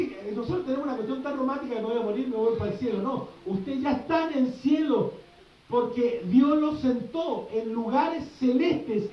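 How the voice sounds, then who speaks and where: A man's voice: extremely high pitch, dull audio. A man preaching a sermon as pastor, fervent and questioning his congregation. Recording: echoey hall, voice from far off.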